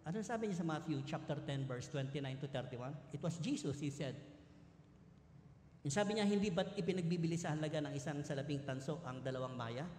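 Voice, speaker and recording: A man's voice: fairly high pitch, brisk, darkish tone, slight background noise. A man with a Filipino accent preaching a sermon, earnest and emphatic, moving between Tagalog and English. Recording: echoey hall with long reverb.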